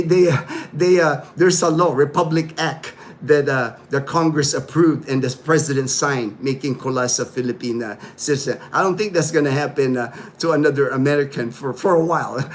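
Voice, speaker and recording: A Philippine-born man in his fifties hosts a casual livestream, rambling loosely with viewers, reading out their comments, and filling his talk with fillers and asides. His voice is fairly high, with a slight hiss or hum in the audio.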